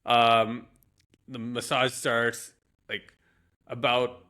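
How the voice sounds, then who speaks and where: A man in his thirties, a podcast co-host, telling an animated story in casual chat and acting out the quotes. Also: medium pitch, very slow.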